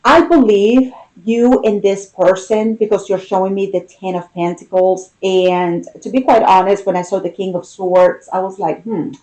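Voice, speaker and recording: A woman giving an unscripted, intimate tarot reading, pausing and thinking aloud as she talks to the listener. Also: mid-range voice, darkish tone, poor audio. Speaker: tarot reader.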